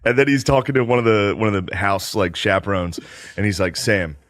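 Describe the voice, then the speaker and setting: A man's voice: fairly low pitch, brisk, no room sound, clean studio sound. A man hosting a podcast, telling a story in casual chat and laughing through it. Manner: laughs through his stories, animated. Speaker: podcast host.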